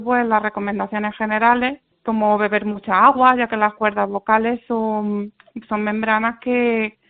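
A woman explains voice care as a radio guest. Her voice is slightly high with some gravelly fry. It comes through a thin, phone-like line, measured and unhurried. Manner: measured, explanatory, with thoughtful pauses. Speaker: speech therapist guest. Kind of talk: radio interview answers.

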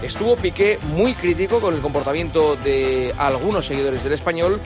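A man hosting a radio sports round-up, reading his links in a brisk, upbeat presenter style. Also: a little high, animated, music in the background. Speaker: radio sports show host.

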